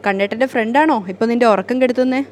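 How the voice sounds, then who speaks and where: A woman's voice: on the high side, rapid-fire, darkish tone, slight background noise, close to an everyday voice. A woman voicing a teasing mirror reflection. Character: mocking mirror reflection of the wife, knowing.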